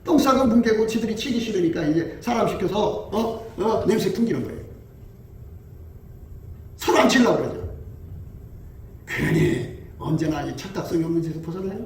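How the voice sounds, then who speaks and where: A man preaching a sermon as a pastor, animated, laughing often and acting out little dialogues. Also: high voice, normal speed, pauses often. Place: church hall. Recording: echoey hall from far off with faint noise.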